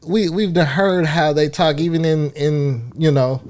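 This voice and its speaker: A man's voice: a little high, fairly even intonation, unhurried, darkish tone. A man with an American accent, co-hosting a podcast and arguing his point in long, earnest, blunt runs of casual chat. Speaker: podcast co-host.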